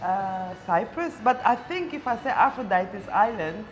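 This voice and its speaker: Calm woman guest. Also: mid-range voice, unhurried, soft background music. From Congo. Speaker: interview guest. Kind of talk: casual interview. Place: coffee shop.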